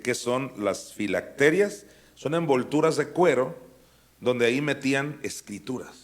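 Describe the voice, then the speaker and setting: Man, Bible teacher, conversational, asks questions, emphatic bursts, mid-pitched voice. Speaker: apostle teaching a Bible school.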